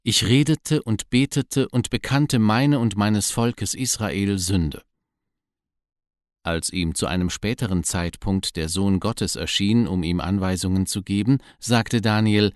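A man with a very deep voice reads a devotional text aloud in a measured, solemn way. The recording is dry and close, with no room sound. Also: smooth, dry recording. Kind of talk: scripted devotional reading.

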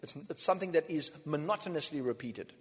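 Male lecturer, husky and a bit high, halting phrases for an interpreter; long hall echo. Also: expressive. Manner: speaks in short phrases, pausing for translation, counts beats aloud. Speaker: lecturer on music. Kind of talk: lecture given through an interpreter.

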